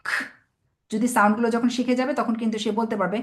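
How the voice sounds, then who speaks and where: A woman teacher hosts an online webinar for parents, talking over a video call. She explains things patiently and step by step. She sounds out single words slowly as she goes. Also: on the high side, little pitch movement.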